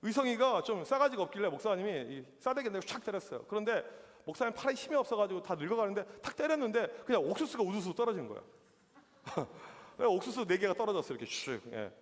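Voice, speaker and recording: A man in his forties, a youth pastor giving a sermon, animated and acting out dialogue in his stories, laughing often. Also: high-pitched, fast. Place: church hall. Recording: long hall reverb.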